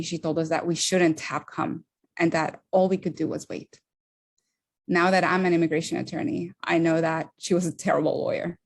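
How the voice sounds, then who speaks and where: Woman, from Honduras, immigration attorney, prepared speech, earnest, measured, somewhat low voice.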